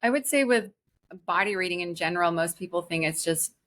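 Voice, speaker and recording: Earnest woman in her forties, lower-pitched. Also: a bit bright. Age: 40s. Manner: earnest, halting, with many restarts. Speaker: guest, spiritual teacher. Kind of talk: personal story in a podcast interview.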